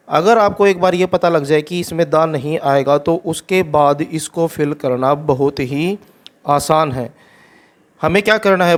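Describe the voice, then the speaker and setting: A man teaching an English grammar exercise, patiently repeating each rule in simple steps and reading the example sentences slowly and clearly. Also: on the high side.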